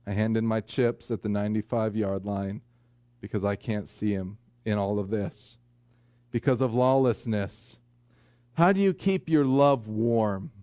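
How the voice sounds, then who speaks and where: A man in his forties preaching a sermon from a small church pulpit, earnest with folksy asides and slow, deliberate emphasis. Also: on the low side, dark tone, clean tone, dry recording. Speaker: pastor. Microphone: pulpit microphone, far camera.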